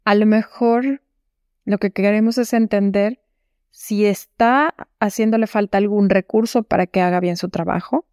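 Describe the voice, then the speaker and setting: A woman hosting a solo advice podcast. She explains calmly and speaks directly to the listener. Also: mid-range voice, clean tone, no echo, clean studio sound. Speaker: podcast host.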